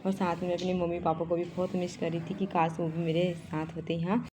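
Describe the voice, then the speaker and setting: Chatty young woman vlogger, low voice. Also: little pitch movement, brisk, dark tone, slight background noise. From Uttarakhand, India. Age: 20s. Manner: chatty, laughing at herself, talks straight to viewers. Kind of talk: casual vlog voice-over narration.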